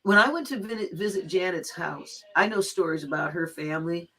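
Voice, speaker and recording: A middle-aged American woman from Los Angeles tells personal stories in a frank, lively chat. She is blunt, swears freely and acts out what people said. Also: fairly low pitch, normal speed, husky. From Los Angeles, USA. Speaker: guest teacher telling stories. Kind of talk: candid storytelling chat.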